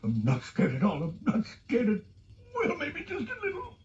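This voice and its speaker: Jittery scaredy-cat cartoon character. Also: female voice, deep voice, big pitch swings, normal speed, dark tone, roomy sound, distant mic. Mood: nervous. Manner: jittery, shifty excuses. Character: nervous cartoon character, scared but boasting. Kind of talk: preschool cartoon voice acting. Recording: dull lo-fi TV audio with music.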